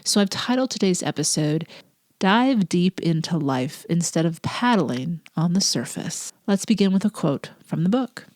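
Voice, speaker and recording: A woman with a fairly low, expressive voice speaks at a moderate pace, her tone a little mellow but nasal and stuffed up from a cold. She's a teacher hosting her own casual solo podcast, earnest and reflective, sometimes dropping to breathy whispers. The studio recording is clean with no echo.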